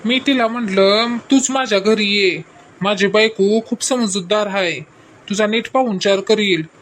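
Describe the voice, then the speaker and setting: A woman's voice: medium pitch, a little slow, slight background noise, lightly acted. A woman playing a sheepish, stammering husband. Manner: hesitant, stammering, placating. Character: bumbling middle-aged husband, sheepish and evasive. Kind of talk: comic skit acting.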